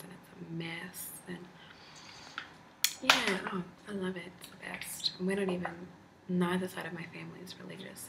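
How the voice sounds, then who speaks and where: A grainy, noisy laptop recording captures a twenties ASMR creator in a candlelit room at home. Her whisper is slightly deep and gravelly, not soft-spoken, and she rambles chattily with frequent laughter.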